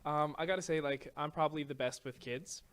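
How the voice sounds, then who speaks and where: A man's voice: on the high side, steady tone, a little fast, crowd noise. A young man chatting on a podcast about his lifeguard job, telling stories with lots of ums and restarts. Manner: rambling storyteller, many fillers and restarts. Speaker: podcast guest, lifeguard and swim instructor. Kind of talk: casual podcast chat.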